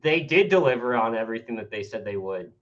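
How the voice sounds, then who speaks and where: A man in casual gaming chat, chatty and rambling, often doing quick impressions of others. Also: medium pitch, lively intonation, fairly bright tone. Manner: chatty, rambling, mimics people. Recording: dull, muffled mic.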